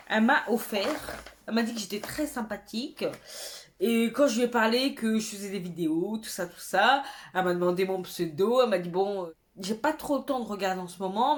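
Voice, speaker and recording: A woman beauty vlogger in casual haul chat, chatty and expressive, with exclamatory asides as she shows her purchases. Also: fairly high pitch.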